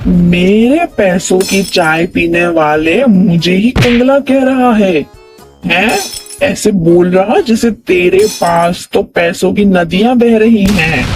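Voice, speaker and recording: A man's voice: high voice, exaggerated voice. A man voicing a quarrelsome cartoon man who scolds and taunts a coworker, keeps asking if he understood. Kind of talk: animated comedy dialogue. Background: background music.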